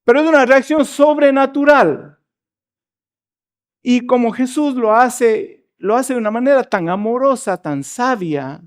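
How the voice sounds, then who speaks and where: Man, pastor, sermon in church, high voice, storytelling delivery. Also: a little slow. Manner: storytelling preacher acting out the Bible dialogue.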